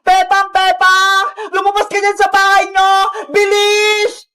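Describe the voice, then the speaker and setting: A woman voicing an excitable little girl who talks in a loud, shrill, shouty way. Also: measured pace, exaggerated voice. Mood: thrilled.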